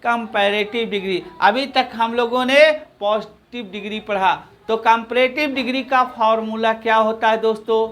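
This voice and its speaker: A man with a Hindi accent teaching an English grammar lesson, repeating phrases slowly and answering his own questions. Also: high voice, steady tone, fairly bright tone.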